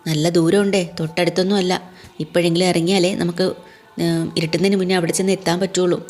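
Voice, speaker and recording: Woman reading as a grieving older father, gentle and pleading, low voice, flat delivery. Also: fast, lightly acted.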